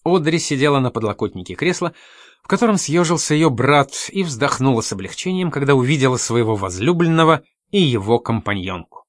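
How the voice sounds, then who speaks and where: A man narrating an audiobook at a middling pitch in an even, steady storytelling manner. The sound is dry and close, with no room around the voice. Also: fairly quick, no room sound. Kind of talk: scripted narration.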